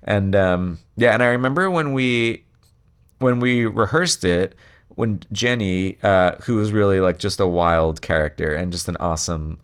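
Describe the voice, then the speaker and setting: A man talking casually in an interview about writing a song, rambling with many fillers and restarts. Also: on the low side. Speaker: songwriter guest.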